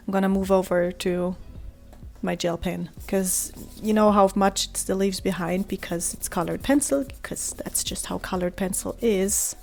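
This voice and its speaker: A woman with a cold talks casually while she draws, her voice hoarse and raspy, quiet and monotone, sometimes dropping to a soft murmur. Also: medium pitch. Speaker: art vlogger. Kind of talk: casual talk while drawing.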